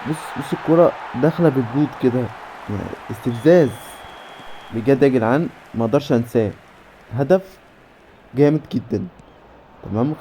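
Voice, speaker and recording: An Egyptian man commentating his own football video game match with rapid bursts of player names and cheering. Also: medium pitch, slight background noise. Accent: Egyptian Arabic. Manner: rapid name-calling bursts, cheering shouts. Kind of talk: excited play-by-play game commentary.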